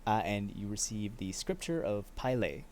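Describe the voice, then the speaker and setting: A man narrating as game master in a tabletop game, describing scenes in a relaxed way. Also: on the low side, moderate pace, a little hiss or hum.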